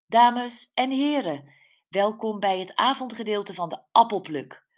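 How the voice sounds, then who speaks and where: A woman's voice: low voice, a little slow. A woman voicing a confident, humorous woman who welcomes a village crowd in an announcing voice.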